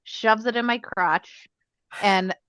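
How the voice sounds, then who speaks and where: Woman, dog owner, bright forceful voice, candid and laughing; dry, a bit dull. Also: fairly high pitch, slow pace, no echo. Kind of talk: casual chat.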